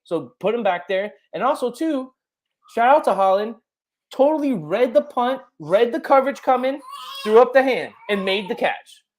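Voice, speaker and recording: A young man co-hosting a casual sports podcast, excitable and rambling with lots of fillers. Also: extremely high pitch, moderate pace. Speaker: podcast co-host.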